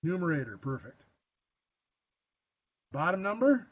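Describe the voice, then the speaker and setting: A man's voice: on the high side, sing-song, measured pace, muffled recording. A man teaching a math lesson to a class, quizzing students and making dry, self-deprecating jokes. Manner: asks the class questions. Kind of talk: classroom lecture.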